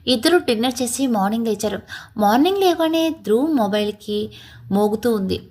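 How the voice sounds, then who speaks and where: A woman's voice: on the high side, lively intonation, brisk, darkish tone. Woman reading a story aloud. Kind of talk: read-aloud story narration.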